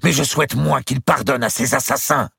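A man's voice: mid-range voice, steady tone, moderate pace, creaky, pushed and bright, breathy edge, no room sound, clean studio sound, pitched above the performer's own voice, full character voice. A man voicing a proud, hostile duke making defiant declarations at court.

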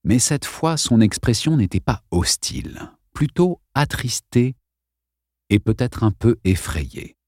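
Un homme qui lit un roman en livre audio, d'un ton posé et expressif. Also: male voice, mid-range voice, very animated, slow pace, a little mellow, no echo, studio quality. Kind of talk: narration de roman lue.

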